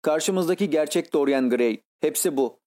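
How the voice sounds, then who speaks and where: A man voicing a worldly, cynical English lord in an audiobook reading, pitching his voice lower with a smooth, assured delivery. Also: normal speed, warm tone, close to an everyday voice.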